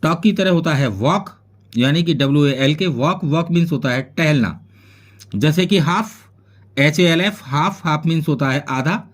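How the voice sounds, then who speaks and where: A male English teacher with a fairly high voice. He gives a patient classroom lesson, spelling words out letter by letter and then explaining their meanings. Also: measured pace.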